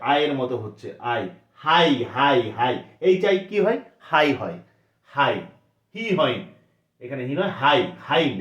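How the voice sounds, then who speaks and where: A man's voice: on the high side, dull audio. A man teaching a lesson who says sounds over and over and asks questions that he answers himself. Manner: repeats sounds slowly, asks and answers his own questions. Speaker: English teacher. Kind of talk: classroom lesson. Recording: roomy echo.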